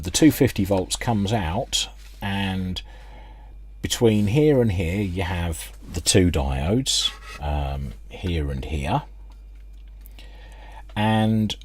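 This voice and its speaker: A British radio restoration hobbyist presents a workbench video, his low, slightly rough voice explaining the technical work informally. He thinks aloud in a hesitant, unscripted way, and the indoor bench gives a close, dry sound.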